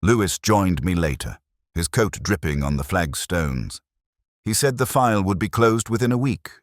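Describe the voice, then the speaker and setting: A man plays an aging, weary detective looking back on a case in a scripted first-person radio drama narration. The voice is very deep with clear pitch swings, and the narration is measured, literary, solemn and expressive, carrying a weary, resigned mood. The sound is close and dry, with no room sound.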